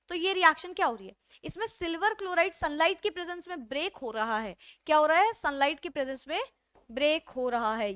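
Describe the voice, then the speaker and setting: A high-voiced woman teaches chemistry in a classroom lecture that mixes Hindi and English, explaining step by step and repeatedly asking the class questions she then answers herself. She reads English textbook lines slowly. Her tone is bright and forceful, and the recording is dry and studio quality.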